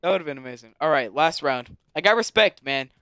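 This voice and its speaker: Excitable young man narrating gameplay. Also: on the high side, a little fast, no echo, clean studio sound. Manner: excitable, yells sound effects and taunts. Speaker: gaming commentator. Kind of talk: casual let's-play commentary.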